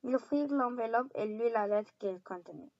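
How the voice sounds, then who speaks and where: A woman reading a novel aloud, with loud, emphatic shifts for the characters. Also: on the high side, normal speed, no room sound, dull audio. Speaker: reader.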